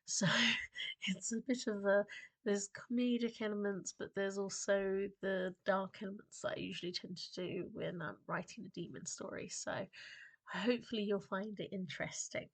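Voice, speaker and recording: Croaky woman reading a story aloud; gravelly, posh delivery. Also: mid-range voice, steady tone, normal speed, no echo.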